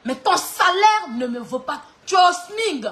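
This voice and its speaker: A woman delivers a mocking insult clash, laughing through her lines. Her voice sits very high and swings widely in pitch. The tone is bright and sharp. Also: expressive, a little slow. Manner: mocking, often laughing while talking. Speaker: online clash streamer.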